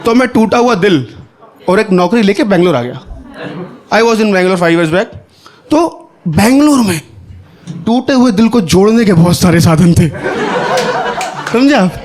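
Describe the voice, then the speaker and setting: A young man doing stand-up comedy, telling an animated, conversational story with asides to the audience on a stage. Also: sits high, a little slow, long pauses. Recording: live show with crowd laughing. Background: audience laughter.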